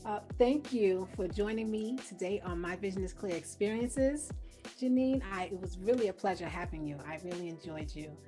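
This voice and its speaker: A woman's voice: medium pitch, moderate pace. A woman hosting an interview show, affirming and upbeat as she thanks her guest and signs off. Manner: warm and affirming. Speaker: podcast host. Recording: music in the background.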